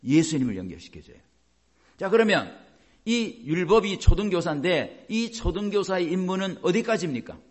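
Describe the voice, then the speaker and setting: A man's voice: high-pitched, sing-song, normal speed. A man preaching a sermon as a pastor, explaining by asking the congregation questions and acting out quoted voices.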